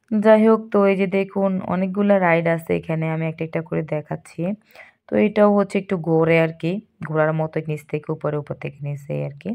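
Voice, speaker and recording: A young woman, hoarse from a cold, narrating a family vlog in a casual, rambling way with a constant filler word. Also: fairly low pitch, darkish tone. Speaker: mother and family vlogger.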